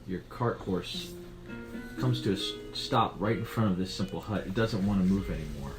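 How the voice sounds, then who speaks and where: Calm game master with background music. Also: male voice, low-pitched, normal speed, low-quality recording. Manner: calm descriptive narration. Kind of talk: narrating a tabletop game. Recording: music playing behind.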